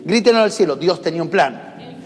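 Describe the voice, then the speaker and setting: A man's voice: fairly high pitch, expressive, brisk. A man with a Rioplatense Spanish accent preaching a sermon, emphatic and calling on the congregation to repeat his words. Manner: emphatic, calls the congregation to repeat after him. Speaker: pastor. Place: church in the United States. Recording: long reverb of a church hall.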